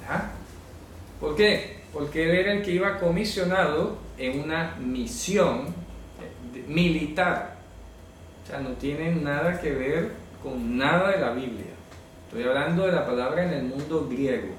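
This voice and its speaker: A man's voice: a little high, a little slow, slight background noise. A man teaching a Bible class, explaining words step by step and checking that students follow. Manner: explanatory, asks "¿ya?" to check understanding; corrects pronunciation insistently. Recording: echoey room, speaker far from the mic.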